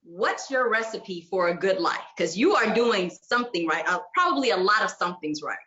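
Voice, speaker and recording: A woman's voice: medium pitch, expressive, normal speed, bright, forceful tone. A woman chatting casually as co-host of a talk show, in muffled, roomy sound. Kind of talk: casual interview chat.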